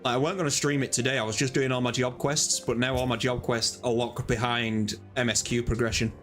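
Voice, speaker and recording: A man's voice: medium pitch, level tone, brisk, fairly bright tone, faint music behind. Chatty man streaming a game. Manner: chatty, rambling, self-deprecating. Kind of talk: casual live-stream chat.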